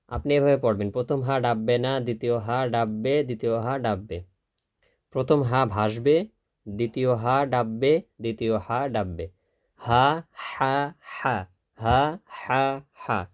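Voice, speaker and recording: A man teaching Quran recitation step by step, who drills slowly, repeats syllables, and asks and answers his own questions. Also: medium pitch, a little mellow, muffled recording. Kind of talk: step-by-step spelling lesson.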